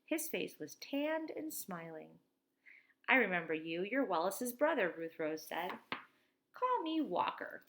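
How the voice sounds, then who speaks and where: A teacher in her thirties reads a children's chapter book aloud into the webcam at her desk, in a small room at home. Her mid-range voice carries a lively read-aloud delivery punctuated by quick asides.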